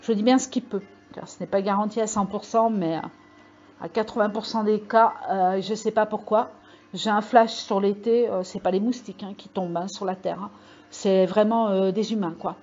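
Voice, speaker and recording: A woman hosts her own video channel, chatting casually into a microphone and rambling to viewers with plenty of fillers and emphatic warnings. Her medium-pitched voice is steady, a little mellow, and moderately paced, with the highs cut off. Computer mail alerts ping in the background.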